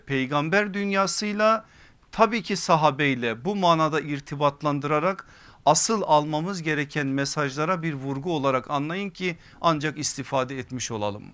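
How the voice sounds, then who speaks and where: A man giving a sermon-like religious lesson at a pulpit microphone, phrasing deliberately and leaning on emphatic, rhetorical repetition. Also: on the high side, a bit bright, clear, resonant tone.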